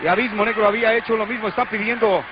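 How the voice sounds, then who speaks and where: Mexican man, backstage sports reporter, urgent delivery, very high voice, loud crowd behind. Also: steady tone, rapid-fire. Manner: urgent, formal addresses, repeats phrases. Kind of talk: live on-scene wrestling report. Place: concrete backstage area of arena. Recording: lo-fi TV audio, loud crowd and noise. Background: loud crowd and noise.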